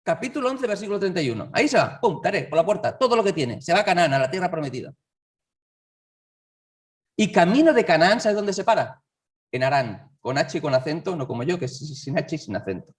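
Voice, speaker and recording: Man, sermon, conversational, rhetorical questions, fairly high voice, distant mic. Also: very animated, brisk. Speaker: lay preacher. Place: church hall.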